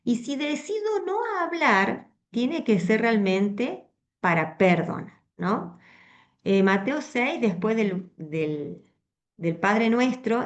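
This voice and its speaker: A woman with a Rioplatense Spanish accent giving a conversational, expressive Bible talk to a women's meeting, often checking in with her listeners. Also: mid-range voice, lo-fi sound. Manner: conversational, frequent tag questions, expressive. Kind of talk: Bible teaching to a women's group.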